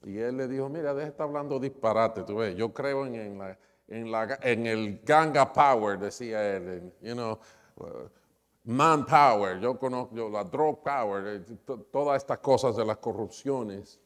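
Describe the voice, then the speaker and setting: A man's voice: mid-range voice, moderate pace. A man preaching a sermon, retelling a story with quoted dialogue. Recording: long reverb of a church hall.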